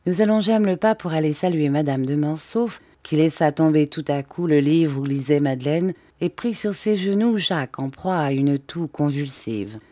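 A woman narrating a classic novel in a measured, literary reading style. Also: low-pitched, dark tone, no room sound. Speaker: audiobook narrator.

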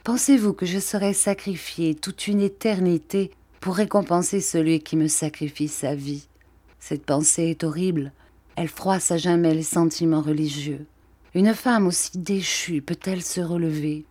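A woman's voice: low voice, warm tone, husky, no room sound. A woman voicing a proud, anguished noblewoman torn by duty, in an audiobook reading.

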